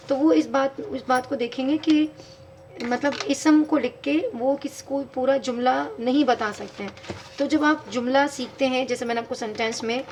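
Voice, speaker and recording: A woman's voice: fairly high pitch, a little mellow, a little hiss or hum. A woman teaching English grammar in a video lesson, patiently explaining step by step and spelling words out letter by letter.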